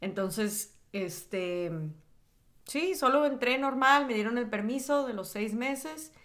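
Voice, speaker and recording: This podcast co-host from northern Mexico speaks slowly in a fairly bright, higher-pitched voice with her regional accent. Chatting casually, she keeps things matter-of-fact and doesn't hesitate to set the record straight firmly.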